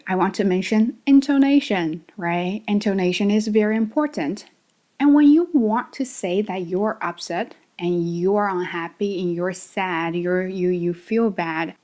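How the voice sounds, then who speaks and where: A woman hosts an English lesson podcast, coaching the listener directly. She demonstrates intonation through big swings in pitch and loudness.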